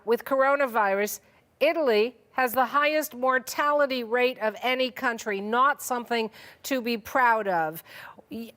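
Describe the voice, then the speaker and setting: Woman news interviewer, measured questions. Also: a little high, a bit bright.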